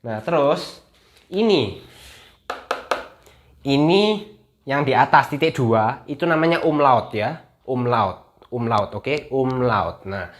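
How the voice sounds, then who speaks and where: A young man giving a casual video lesson, chatty and friendly in tone, repeating each letter slowly to drill it. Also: medium pitch, fairly bright tone, a little hiss or hum. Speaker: language teacher.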